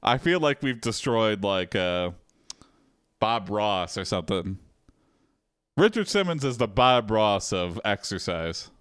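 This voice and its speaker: Slow, lively-pitched man riffing aloud. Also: clean tone, dry recording, studio quality. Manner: amused, drawn-out musing with frequent laughs. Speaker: host playing an AI text adventure. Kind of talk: casual live commentary.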